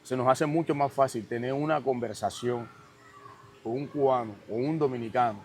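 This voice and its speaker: A man's voice: mid-range voice, moderate pace. Caribbean Colombian man over background noise. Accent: Colombian Caribbean, from Cartagena. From Cartagena, Colombia. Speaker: podcast guest. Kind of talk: casual conversational explanation.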